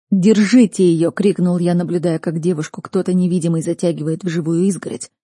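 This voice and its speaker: A woman giving a tense, measured scripted narration of an audiobook. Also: fairly low pitch, mellow, husky, no echo, clean studio sound.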